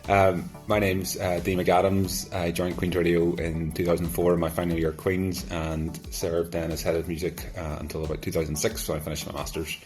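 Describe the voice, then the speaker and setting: Very deep, monotone man. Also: moderate pace, few pauses, faint music behind. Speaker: former student radio head of music. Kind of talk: recorded reminiscence.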